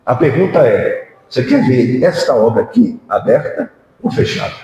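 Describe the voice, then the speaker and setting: A man's voice: mid-range voice, very animated, moderate pace, dark tone. A man with a Brazilian accent preaching a sermon as pastor, passionate and full of rhetorical questions, in a church. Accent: Brazilian Portuguese. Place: church hall. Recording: very echoey church hall.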